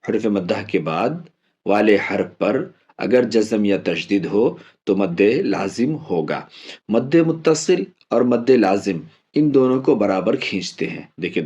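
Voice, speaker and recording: A man's voice: lowish voice, lively intonation, dark tone. Patient man teaching Quran reading. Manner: patient, spells out letters slowly and repeats drills. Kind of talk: step-by-step Quran lesson.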